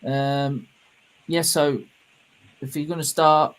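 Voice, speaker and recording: A British man with a fairly high voice co-hosts a podcast. He talks casually, as in a chat among mates. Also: little pitch movement, slow pace, rough recording. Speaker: podcast co-host.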